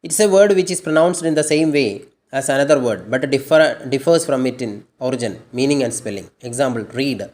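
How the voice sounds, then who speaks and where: Speaking at a medium pitch with a slightly mellow tone, a Malayali-accented man teaches English. He reads out word lists slowly, repeats them, explains each one in his native language, and corrects his own slips mid-sentence.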